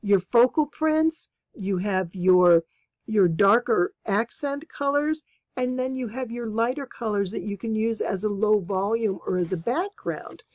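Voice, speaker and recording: A woman's voice: medium pitch, a little slow, darkish tone, dry recording. Cheerful chatty woman, dry close sound. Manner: enthusiastic, chatty, exclaims over fabrics. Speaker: quilting channel host. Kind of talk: casual unboxing chat.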